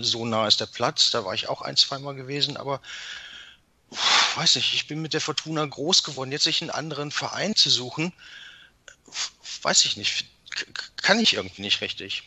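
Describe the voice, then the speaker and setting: Bright-voiced man in his sixties. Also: medium pitch, no room sound. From Düsseldorf area, Germany. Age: 60s. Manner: hesitant, halting with fillers and restarts. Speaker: podcast guest, author. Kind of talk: casual podcast chat over a call. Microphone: remote call.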